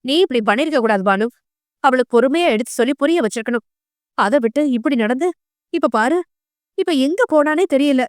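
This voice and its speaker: A woman's voice: high-pitched, lively intonation, a little fast, long pauses, no room sound, clean studio sound. A woman voicing a stern older mother who scolds reproachfully in an audio novel.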